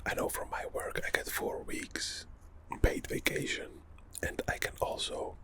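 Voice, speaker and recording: A young man from Europe, whispering a casual, chatty ASMR talk as the host of his channel. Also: measured pace.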